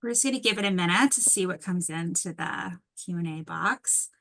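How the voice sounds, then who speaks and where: Bright, chatty woman moderator. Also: lowish voice, moderate pace. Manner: loose, chatty, with fillers. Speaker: webinar moderator. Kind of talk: casual moderating. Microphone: video call.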